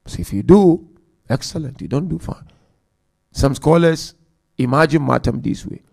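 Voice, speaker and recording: Gravelly-voiced man giving a mosque lecture. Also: medium pitch, moderate pace. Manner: direct, animated, addresses the audience. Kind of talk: religious lecture to a congregation.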